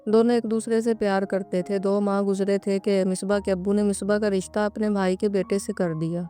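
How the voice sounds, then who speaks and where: A woman narrating a moral story in a steady, even way. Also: mid-range voice, soft background music.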